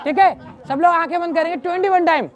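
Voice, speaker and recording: A man's voice: extremely high pitch, fast, a faint crowd. A man leading a yoga class in a public park, coaxing and repetitive, speaking straight to the participants. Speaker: yoga trainer. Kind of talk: instructing an outdoor yoga class.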